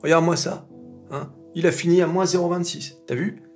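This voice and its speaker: A man hosting a casual stock market video, talking familiarly to his viewers in an animated, joking way with mock-dramatic exclamations. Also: on the high side, fairly quick, soft background music. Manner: talks familiarly to his audience.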